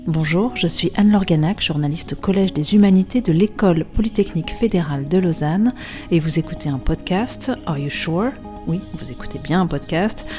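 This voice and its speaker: A woman journalist hosts a podcast, reading a scripted intro and posing measured, poised questions. Her voice is lowish with a dark tone, and faint music plays behind her.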